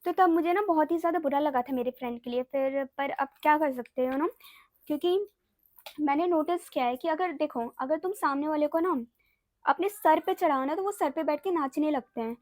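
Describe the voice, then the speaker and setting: A woman's voice: sits high, moderate pace, darkish tone, no echo. A young woman vlogger chatting casually through a personal story, slipping English phrases and fillers into her Hindi.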